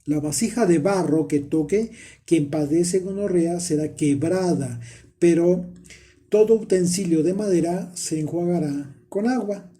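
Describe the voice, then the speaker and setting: A man's voice: on the high side, a little slow, dark tone, slight background noise. A man teaching a Bible study, reading scripture aloud and explaining it, often restarting his phrases.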